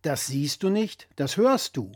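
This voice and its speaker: A man's voice: on the high side, very animated, unhurried. A man voicing an exasperated grown son who answers with dry, wry replies.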